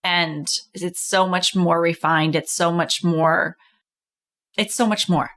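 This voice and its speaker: Casting note: woman podcast host, coach, somewhat low voice, encouraging and chatty. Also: fairly even intonation, slow pace, a bit bright. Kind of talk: casual interview chat.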